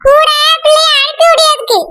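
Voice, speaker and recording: A woman's voice: very high-pitched, steady tone, fairly quick, pushed and bright. A woman voicing a stubborn village mother with a Kanyakumari accent. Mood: insistent. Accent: Kanyakumari Tamil. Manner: pleading then reproachful, insistent. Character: nagging village mother, middle-aged, stubborn. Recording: noisy recording.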